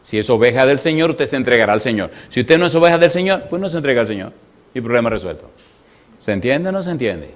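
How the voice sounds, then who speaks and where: A man preaching a sermon, pressing his listeners with constant rhetorical questions and slowing down on the words he wants to stress. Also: medium pitch, very animated. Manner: peppers the congregation with rhetorical questions. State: emotional.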